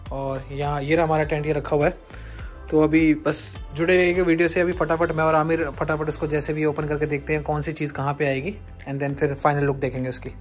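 A young man chatting casually and excitedly in a vlog, mixing English words into his Hindi, filmed on a phone held at arm's length. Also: a little high, fairly quick, music in the background. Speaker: vlogger. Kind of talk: casual shopping and unboxing vlog. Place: large sports store, then a room at home.

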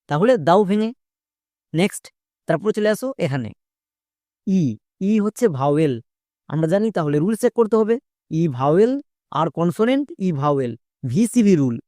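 A woman teaching English pronunciation, spelling words letter by letter and asking students whether it is clear. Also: medium pitch, dark tone, no room sound, studio quality. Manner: patient, spells words letter by letter, asks checking questions. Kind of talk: spoken lesson for students.

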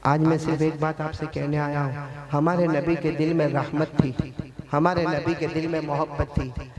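A man's voice: a little high, little pitch movement, moderate pace. A male preacher giving an impassioned live sermon, telling a story and calling on the audience to answer. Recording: live gathering with crowd noise.

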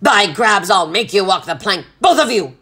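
A blustering sea captain played by a woman narrator from a storybook, loud and growling. He swings widely in pitch and barks his threats with an explosive, hot temper. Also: expressive, normal speed, slightly rough, full character voice. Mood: explosive fury. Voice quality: roaring, growling.

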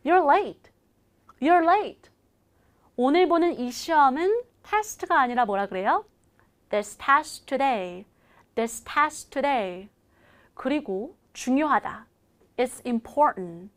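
A woman teaching an online English lesson, coaching viewers to repeat after her and slowing right down to model each phrase. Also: high voice, animated, fairly bright tone.

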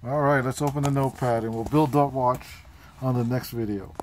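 A man's voice: mid-range voice, fairly even intonation, brisk, a little mellow, slight background noise. A middle-aged father filming a family vlog in a cruise ship cabin, talking in an easygoing way as he guides his son. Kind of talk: casual vlog chat.

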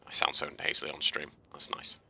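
A man casually talking through game footage as a tutorial host, chatty and relaxed, with fillers and restarts. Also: a bass voice, a little fast, vocal fry, breathy edge, in a whisper. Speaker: gaming video host. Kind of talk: casual gameplay commentary and tutorial.

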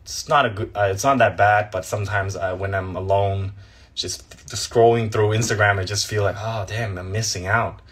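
Young man, low-pitched, very slow, casual live Q&A on phone, relaxed, trailing fillers. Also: husky. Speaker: live stream host answering fans.

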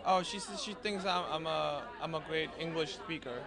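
A man with a slight accent joking through an interview in a playful, deadpan way. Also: a little high, normal speed. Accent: slight foreign accent. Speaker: interviewee, singing contestant. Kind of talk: joking red-carpet chat. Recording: crowd noise behind.

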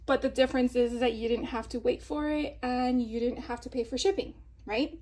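Chatty higher-voiced woman showing craft haul. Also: a little fast, a little mellow. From Florida. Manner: chatty, laughs often, many fillers. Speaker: craft vlogger. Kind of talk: casual haul show-and-tell. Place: indoors at a table.

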